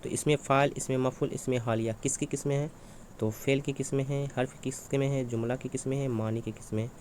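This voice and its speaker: A man's voice: mid-range voice, fairly even intonation, fast talker, darkish tone, a little hiss or hum. A man teaching exam preparation, walking through questions and answers in a repetitive question-and-answer manner. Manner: repetitive, asks and answers his own questions.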